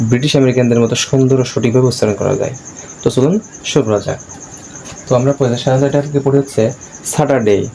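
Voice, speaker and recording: Mellow-voiced man teaching English pronunciation. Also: medium pitch, slight background noise, rough recording. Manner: repeats words slowly to drill pronunciation. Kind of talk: casual video lesson.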